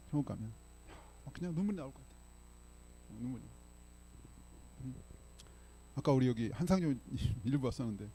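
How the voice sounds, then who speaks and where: In a church sanctuary, an older pastor delivers a sermon in a chatty, storytelling way, often turning to the congregation with "예?" His medium-pitched voice has a warm tone, with a little background noise in the recording.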